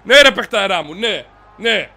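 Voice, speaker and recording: A young man loudly commenting while he plays a football video game, cheering and cursing at his players. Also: high-pitched. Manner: loud, excitable, yells and swears at his players. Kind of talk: excited gaming commentary.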